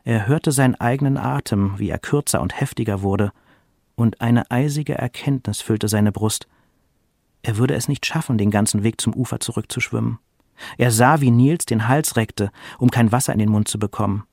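A man reads a novel excerpt in a measured, expressive voice of middle pitch. The sound is dry and close, with no room echo. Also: gravelly. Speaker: reader. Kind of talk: literary reading.

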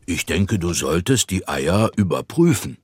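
A man playing a kindly, calm older antique dealer in an audiobook reading. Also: deep voice, a little slow, husky, no room sound, clean studio sound, heavily acted. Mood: gentle.

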